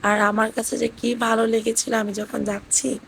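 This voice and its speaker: Hoarse woman narrating vlog. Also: a little high, little pitch movement, normal speed, slight background noise, poor audio. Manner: gentle storytelling with fillers. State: hoarse, voice cracking. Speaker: vlogger narrating family trip. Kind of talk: voice-over narration. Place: indoors at her parents' house.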